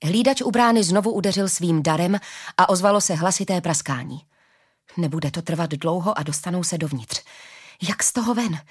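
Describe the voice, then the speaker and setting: Female narrator, steady audiobook read. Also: lowish voice, slightly rough. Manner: steady storytelling.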